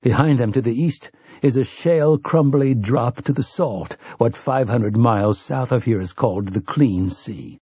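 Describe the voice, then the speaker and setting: A husky-voiced man reads a dark fantasy audiobook with measured, intense pacing. His mid-range voice sits close to the mic, completely dry with no room sound. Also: mid-range voice, dry recording. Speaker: audiobook narrator. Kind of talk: scripted dramatic narration.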